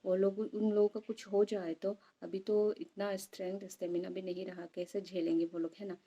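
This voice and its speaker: A woman's voice: mid-range voice, little pitch movement, normal speed, dark tone, breathy edge, lo-fi sound. A young woman vlogging casually from home, chatting in a rambling way and often checking in her listener. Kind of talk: casual home vlog chat.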